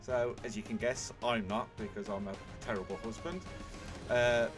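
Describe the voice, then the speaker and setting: A man's voice: mid-range voice, fairly even intonation, normal speed. Man, Brummie accent, podcast host, jokey and self-deprecating, music underneath. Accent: Birmingham. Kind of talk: casual podcast chat.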